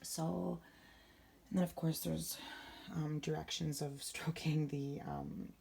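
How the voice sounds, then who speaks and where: Young woman with a low, raspy, gravelly voice. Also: fairly even intonation, takes it slowly. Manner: talking low and quiet late at night; rambling, many fillers. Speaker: vlogger. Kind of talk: casual spiritual how-to vlog.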